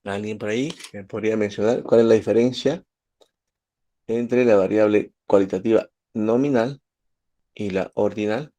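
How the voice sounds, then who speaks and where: Here the Peruvian statistics lecturer sounds lower and warmer, talking at an ordinary pace with a steady tone. He frequently stops to question his students and illustrates ideas with examples from daily life.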